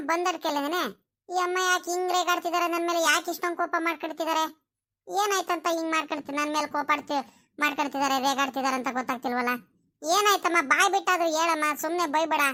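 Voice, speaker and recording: A woman's voice: very high voice, fairly even intonation, fast, sharp tone, exaggerated voice. A woman voicing a bewildered, pleading young married daughter in a comedy cartoon. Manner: pleading, questioning. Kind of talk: village comedy cartoon acting.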